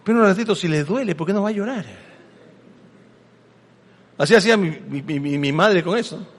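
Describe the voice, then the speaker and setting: High-voiced pastor preaching. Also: male voice, a little fast. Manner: animated, swings between loud emphasis and hushed asides, acts out quoted parents; questions the congregation directly. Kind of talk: sermon. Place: church sanctuary. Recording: long reverb of a large church hall.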